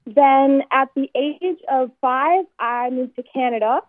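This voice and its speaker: A young woman in her twenties talks in a chatty, upbeat way, telling her story as a singer guest. Her voice is high and bright in pitch. She comes through a thin, tinny phone line with a dry, close sound. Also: slow pace, no room sound. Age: 20s. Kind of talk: phone-in radio interview.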